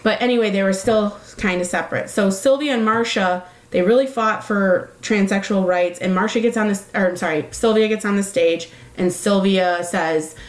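A woman's voice: medium pitch, normal speed, few pauses, echoey room, rough recording. A woman talking casually, rambling with many fillers and correcting herself as she goes. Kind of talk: casual chat.

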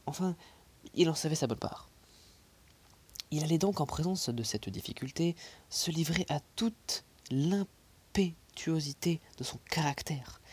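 Husky male reader, classic novel narration, expressive, soft whispered passages, mid-range voice. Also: medium pitch. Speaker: audiobook reader. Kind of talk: reading a classic novel aloud.

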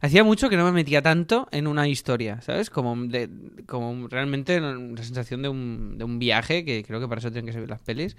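A man's voice: mid-range voice, brisk, few pauses, smooth. A man co-hosting a podcast, enthusiastic and teasing, who also reads the sponsor spot. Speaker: podcast co-host.

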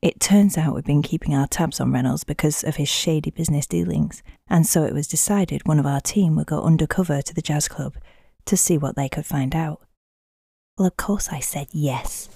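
A Yorkshire woman narrates a detective audio drama with wry, self-mocking humour. Her voice sits low and gravelly, with a husky edge and a mellow tone. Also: no room sound.

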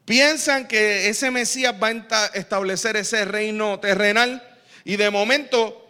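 A man preaching a sermon, telling stories and acting out the shouts of a crowd. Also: high voice, a little slow, smooth. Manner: animated storytelling, acts out crowd shouts. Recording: long reverb of a large hall.

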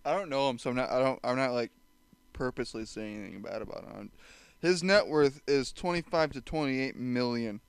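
A man's voice: medium pitch, a little fast, gravelly, clear, resonant tone, no room sound. A man co-hosting a casual podcast chat, hesitant and trailing off as he talks. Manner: hesitant, trails off, laughs often. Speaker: podcast co-host.

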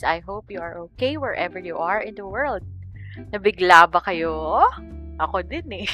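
A woman's voice: medium pitch, a bit bright. Chatty woman podcast host, ranting. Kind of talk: casual podcast chat in Taglish.

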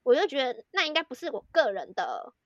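Young taiwanese girl rambling quick on a podcast, lots of fillers, kinda high voice. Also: wildly swooping pitch, lo-fi sound, a loud crowd. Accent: Taiwanese Mandarin. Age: young adult. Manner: chatty, strings sentences with constant fillers. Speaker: podcast co-host, student in Korea. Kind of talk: casual storytelling chat.

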